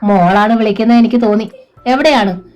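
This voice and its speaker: Brief: woman doing a polite, brisk father on the phone, mellow tone. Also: on the high side, soft background music, voice pushed up, close to an everyday voice. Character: busy middle-aged father in a meeting.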